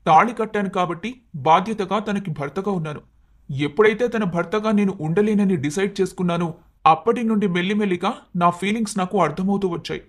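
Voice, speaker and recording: Cartoon story: a performer as an earnest young husband, mid-pitched, emotional. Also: brisk, lightly acted. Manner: pleading, emotional. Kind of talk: Telugu storybook cartoon dialogue.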